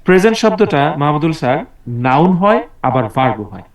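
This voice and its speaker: Brisk and high-ish, with big swings in pitch, a man drills English words aloud for an online class held over video call. He stays patient and encouraging throughout. The sound is distant and roomy.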